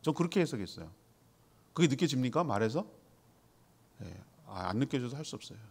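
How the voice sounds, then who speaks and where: A man's voice: medium pitch, big pitch swings, brisk, gravelly, a little mellow, husky. A man preaching a sermon in a conversational way, asking the congregation questions and answering them himself. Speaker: pastor.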